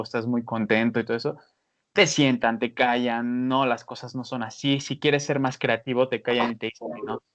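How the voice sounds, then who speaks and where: Man, casual podcast advice, animated, filler-heavy, mid pitch, dull lo-fi audio. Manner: animated, many fillers, acts out scolding voices. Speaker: podcast panelist. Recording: dull lo-fi sound.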